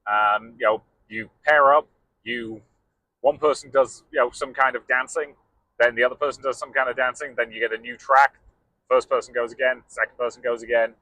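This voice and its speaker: Relaxed man, rambling chat. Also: medium pitch, no room sound, rough recording. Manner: relaxed, rambling with fillers like "um" and "you know". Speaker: podcast co-host. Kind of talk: casual chat.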